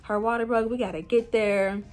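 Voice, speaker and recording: A woman's voice: a little high, steady tone, moderate pace, a little mellow, natural voice. A woman quoting her panicking partner, urgent and repetitive. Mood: panicked. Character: panicking young man repeating himself urgently.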